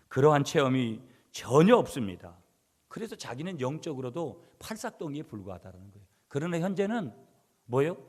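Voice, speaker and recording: A middle-aged man preaching a sermon as pastor, swinging between loud emphatic passages and quiet asides to the congregation. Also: sits high. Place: church sanctuary. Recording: church hall reverb.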